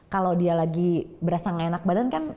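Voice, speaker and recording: A middle-aged woman giving an emotional personal testimony as a talk show guest, telling her story with lively, acted-out storytelling. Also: fairly low pitch, fast talker. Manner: lively storytelling, acting out quoted voices.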